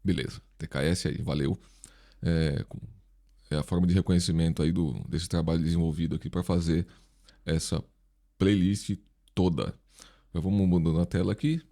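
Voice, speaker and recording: A man's voice: low voice, steady tone, normal speed, pauses often, dark tone. A Brazilian man teaching an informal exam review lesson, his articulation slightly impeded by a dental retainer in his mouth. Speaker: instructor, online video host.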